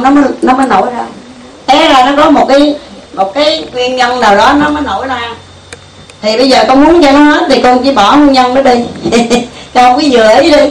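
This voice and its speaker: A woman's voice: high voice, a little hiss or hum. Older woman teaching, echoey. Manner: folksy, laughing, with rhetorical questions to listeners. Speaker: Buddhist teacher. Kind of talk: Dharma talk with storytelling. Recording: echoey room, mic far off.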